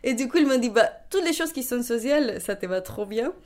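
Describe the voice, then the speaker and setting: A young woman in her twenties from Colombia, speaking French with a Colombian Spanish accent, telling her story in an animated way with frequent restarts and laughter. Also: on the high side, a little fast. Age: 20s. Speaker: interviewee. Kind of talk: conversational testimony.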